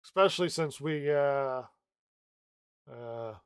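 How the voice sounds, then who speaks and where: A man's voice: mid-range voice, slow, smooth, no echo, clean studio sound. A man hosting a casual podcast chat, sarcastic and jokey, often laughing. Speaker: podcast host.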